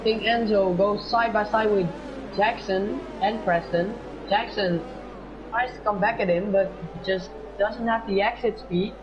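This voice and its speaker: A frantic live esports race commentator with a mid-pitched voice. The delivery is excited and repetitive, in the style of motorsport play-by-play. Clear racing-game noise sits behind the voice. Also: unhurried, dull audio. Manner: frantic, repeats phrases in excitement. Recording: noisy track ambience behind voice.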